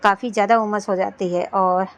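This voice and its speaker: A woman in her thirties talks through her morning chores at home, in a middle-pitched voice. She rambles, loops back and restarts her sentences, the way a homemaker vlogger chats to her viewers. The delivery is relaxed and conversational. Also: normal speed. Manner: chatty, rambling, with frequent restarts. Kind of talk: casual vlog narration of daily chores. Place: at home, indoors and on a rooftop.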